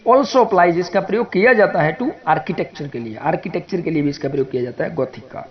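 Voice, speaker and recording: A man with an Indian accent teaching English literature exam questions. He reads each question slowly in English and then explains it quickly in Hindi. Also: on the high side, muffled recording. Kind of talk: exam prep lecture.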